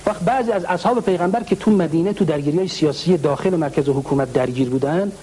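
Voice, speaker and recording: A man with a slightly high, mellow voice lays out historical accounts as a religious scholar answering a question. He clears his throat often and slows down for Arabic quotations. A faint hum sits under the recording. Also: poor audio. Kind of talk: explanatory talk retelling historical accounts.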